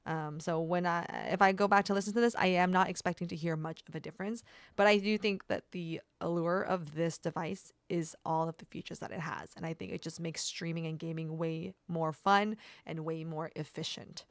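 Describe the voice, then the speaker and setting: A woman's voice: lowish voice, steady tone, a little fast, no echo. Young woman, streamer, casual gear review, chatty, fillers, dry close desk mic. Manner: chatty, filler-heavy, upbeat. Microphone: desk microphone.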